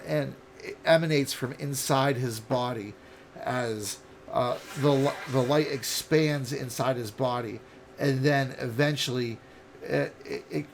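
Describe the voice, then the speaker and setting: A man in his late thirties narrating as dungeon master, halting with fillers and restarts. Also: mid-range voice, steady tone, gravelly, a little hiss or hum. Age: late 30s. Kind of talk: narrating a tabletop game.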